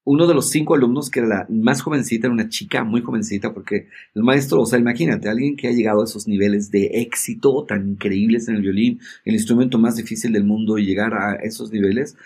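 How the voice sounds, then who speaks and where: A man, a guest in a conversation, telling a personal story in an emphatic, animated way and often checking in with his listener. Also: fairly low pitch, quick pace, few pauses, husky.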